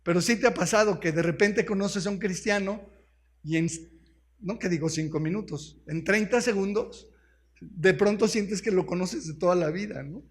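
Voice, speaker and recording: High-voiced Mexican pastor preaching. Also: male voice. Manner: keeps asking the congregation questions; explains words step by step. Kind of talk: sermon.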